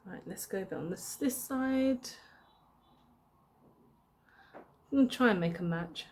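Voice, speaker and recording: A woman's voice: mid-range voice, expressive, a little slow. A young woman chatting casually as she applies her makeup, thinking aloud and correcting herself as she goes. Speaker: beauty vlogger. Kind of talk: casual makeup tutorial chat.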